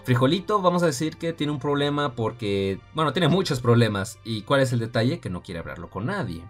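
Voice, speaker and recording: A man's voice: medium pitch, big pitch swings, a little fast, faint music behind. A man with a Mexican accent hosting a casual film review podcast, talking chattily and often addressing his listeners directly. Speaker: podcast host.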